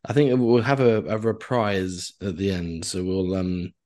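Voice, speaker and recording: A man's voice: deep voice, level tone, unhurried, darkish tone. A man telling a rambling story in casual podcast chat, full of fillers and swearing. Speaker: podcast co-host.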